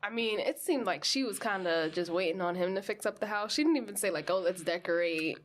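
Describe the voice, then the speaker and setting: A woman co-hosting a podcast in casual chat, animated and laughing, swearing freely and acting out quotes. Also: medium pitch, fast. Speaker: podcast co-host.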